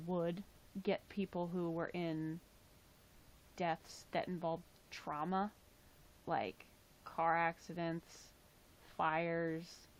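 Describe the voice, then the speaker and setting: Sounding tired, a young livestream host talks loosely in a lowish voice, reading out chat messages and leaning on "like" and "um." The recording quality is rough.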